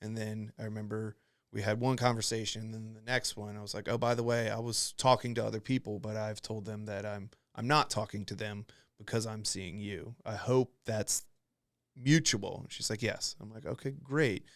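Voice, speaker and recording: A young podcast host rambles through profane stories in casual conversation, acting out what other people said. His voice is fairly low with fairly even intonation and a moderate pace, recorded at studio quality with no echo.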